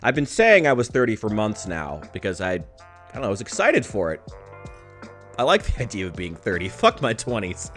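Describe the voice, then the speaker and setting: A thirty-year-old man talks to the camera in a loose, meandering vlog, low in pitch and blunt about his frustrations. He curses casually and laughs at himself between tangents. Soft music plays faintly underneath. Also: huge pitch swings, fairly quick. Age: 30s. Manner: candid, rambling, profane, self-deprecating. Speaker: YouTuber.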